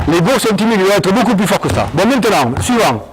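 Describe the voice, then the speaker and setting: A male basketball coach running an on-court session, explaining drills and barking quick commands at players. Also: sits high, big pitch swings, background noise.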